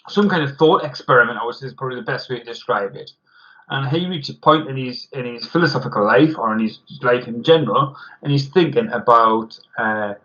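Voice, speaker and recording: Man co-hosting a casual beer chat, bright edgy tone, explains ideas with lots of ums, muffled lo-fi sound. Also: medium pitch. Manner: explains ideas at length with many ums and hedges. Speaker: social worker podcast co-host. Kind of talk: casual chat over beers. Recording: muffled lo-fi recording.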